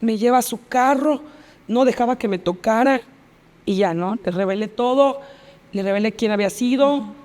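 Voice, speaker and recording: A woman's voice: fairly high pitch, moderate pace, a little mellow, in a large hall. A woman with a Mexican accent, a podcast interview guest telling a personal story in vivid detail and repeating phrases as she relives the scene. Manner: vivid retelling, reenacts past dialogue, repeats phrases.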